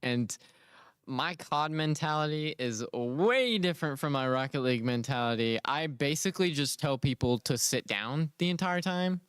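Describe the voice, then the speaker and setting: Male esports caster, clear resonant voice, laid-back and chatty, lots of fillers. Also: a little high, normal speed, dry recording. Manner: relaxed, rambling, filler-heavy. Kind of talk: casual game commentary.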